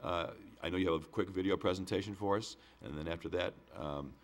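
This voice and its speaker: A man's voice: sits low, a little fast. An American man chairing a formal public meeting in a plain, businesslike way, with the sore throat of someone getting over a cold. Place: village board meeting room, on microphone.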